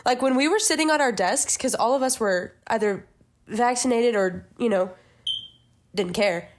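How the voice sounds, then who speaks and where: A woman co-hosting a podcast, animated and quick to jump in, with a cough. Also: fairly high pitch. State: has a cough. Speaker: podcast co-host. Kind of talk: casual chat.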